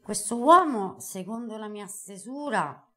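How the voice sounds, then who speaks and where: A middle-aged woman with a medium-pitched voice hosts a live card reading in a studio. She speaks emphatically and affectionately to her callers, checking in often. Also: animated, measured pace, fairly bright tone. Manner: affectionate, emphatic, repeats endearments and "eh?". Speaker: host, tarot card reader. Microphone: lapel mic.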